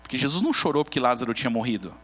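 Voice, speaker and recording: A man with a Brazilian Portuguese accent preaching a sermon as a pastor. He tells the story in an animated way and acts out the characters. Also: mid-range voice, rapid-fire. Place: church. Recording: long reverb in a large church.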